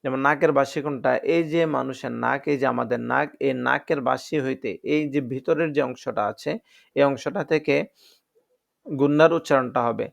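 A man teaching Quran pronunciation step by step. He explains patiently and drills each letter sound slowly, repeating it several times. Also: medium pitch, vocal fry. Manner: patient, explanatory, addresses viewers as friends.

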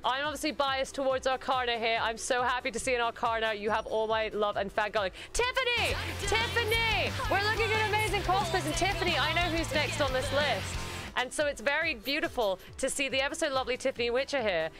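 A woman hosting a live-stream showcase, gushing loudly and yelling with excitement, swearing freely. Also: high-pitched, quick pace, loud music behind the voice. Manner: loud, gushing, yells when excited, swears a lot. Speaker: host.

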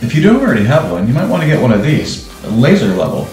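A man's voice: mid-range voice, wildly swooping pitch, quick pace. A middle-aged man narrating his home renovation in a chatty, self-deprecating, jokey way, filmed at arm's length in his house. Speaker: home improvement vlogger. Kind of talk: casual DIY narration. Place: house interior, laundry and dining rooms. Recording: echoey room with background music.

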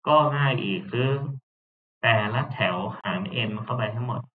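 A man's voice: mid-range voice, moderate pace. A man giving a casual lecture, chatty and often checking that listeners follow along. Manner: chatty, checks understanding with frequent tag questions. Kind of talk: casual lecture on game theory. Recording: tinny phone-like audio.

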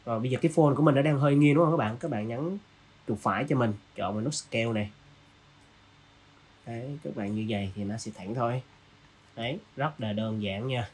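A man's voice: mid-range voice, a little fast, pauses often, a little mellow, breathy edge. Casual man talking through a tutorial. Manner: casual, walks through steps with many fillers. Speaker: design tutorial host. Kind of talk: screen-recorded software tutorial.

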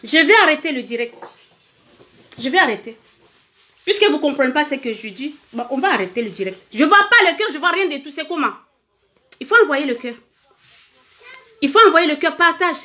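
A woman's voice: high voice, expressive, fairly quick, long pauses, pushed and bright. A Comorian woman, a singer, talking emphatically on a livestream, repeating herself and asking viewers to send hearts. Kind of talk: casual livestream monologue.

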